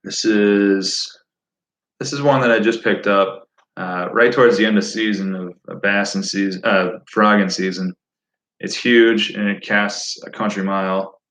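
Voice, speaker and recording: A man's voice: lowish voice, steady tone, measured pace, a bit bright, reverberant, slight background noise, rough recording. A man hosting a fishing channel live stream, chatting casually in a rambling, easygoing way with lots of fillers. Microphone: no lapel mic.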